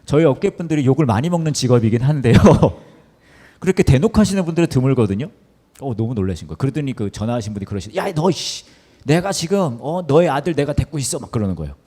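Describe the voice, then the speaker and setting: A man voicing a rough male phone scammer who curses and makes threats. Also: mid-range voice, lively intonation, rapid-fire, mellow, lightly acted. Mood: threatening. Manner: snarling, cursing. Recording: long hall reverb.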